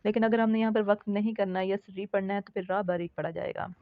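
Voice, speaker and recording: A woman teaching a tajweed lesson, patiently explaining recitation rules, repeating her points and slowly sounding out example words. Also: mid-range voice, fairly even intonation, no room sound, phone-quality sound. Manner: patient, repeats points and checks in with "theek hai".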